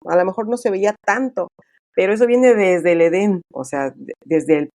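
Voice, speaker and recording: A middle-aged woman, interviewed as an author, talks in a chatty, casual way with many fillers and lively quoted dialogue. Her mid-range voice moves at a moderate pace, and there's no echo.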